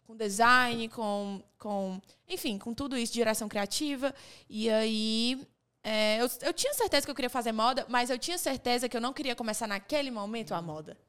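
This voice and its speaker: Smooth-voiced young woman storyteller. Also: a little high, brisk. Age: young adult. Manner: animated storyteller, acts out quoted dialogue. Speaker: podcast co-host. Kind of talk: casual chat among friends.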